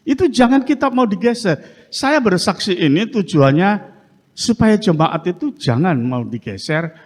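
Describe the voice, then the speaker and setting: A male pastor, telling a testimony in a sermon with animated storytelling and frequent "ya" tags. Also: sits high. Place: church sanctuary. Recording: reverberant church hall.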